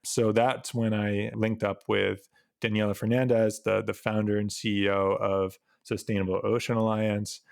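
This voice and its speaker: A young man who works at an ocean nonprofit, giving an earnest, conversational panel answer with soft laughs. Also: lowish voice, level tone, moderate pace, vocal fry, no room sound, clean studio sound. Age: young adult.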